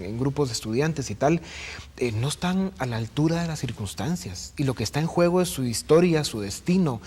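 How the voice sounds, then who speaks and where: A male host moves briskly through his questions in a somewhat high voice, agreeing readily with his guest. A long hall reverb trails his words. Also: darkish tone, slightly rough. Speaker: interview host. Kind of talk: political interview.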